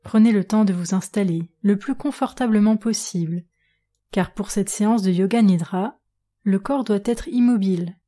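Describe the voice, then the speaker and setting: Long pauses punctuate the calm, measured guidance of a woman yoga nidra instructor. She narrates a relaxation meditation in a mid-range voice.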